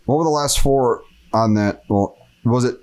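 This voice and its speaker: A man's voice: medium pitch, moderate pace, darkish tone. A man hosting a podcast, talking in casual chat and ranting with exasperated energy. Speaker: podcast host.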